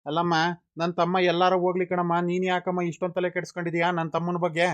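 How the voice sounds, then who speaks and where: A man's voice: high-pitched, completely flat delivery, fast talker, dull audio, close to an everyday voice. A man doing a polite village elder brother. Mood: soothing. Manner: polite, soothing.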